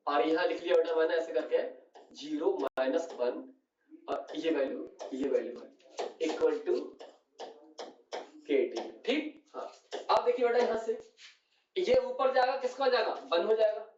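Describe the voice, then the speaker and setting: A male chemistry teacher with a fairly high voice lectures at the board at a measured pace, pausing often, and keeps checking that students follow. He calls them "beta" and repeatedly asks "clear?". He is far from the mic in an echoey room with a noisy background, so the sound is dull.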